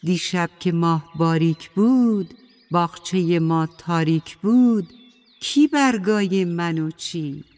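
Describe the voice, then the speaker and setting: A woman's voice: fairly low pitch, darkish tone, long reverb tail, natural voice. A woman voicing a grumpy, angry apple tree in a children's story, scolding in rhyming chants.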